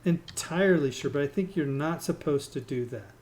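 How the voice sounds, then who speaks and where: A man in casual voice chat with friends while playing a game, explaining things haltingly with fillers. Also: on the high side, darkish tone. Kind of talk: casual voice-chat gameplay talk.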